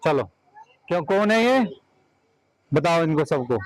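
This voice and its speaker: Male teacher, high voice, brisk repeated classroom instructions. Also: sing-song, no room sound, rough recording. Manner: directive, repeats short commands.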